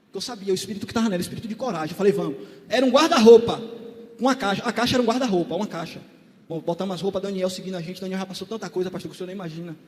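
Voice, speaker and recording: High-voiced man preaching in a reverberant hall. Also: rapid-fire. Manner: swings from quiet storytelling to shouted exhortation. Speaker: preacher giving testimony. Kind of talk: church testimony sermon. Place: large church hall. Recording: long church hall reverb.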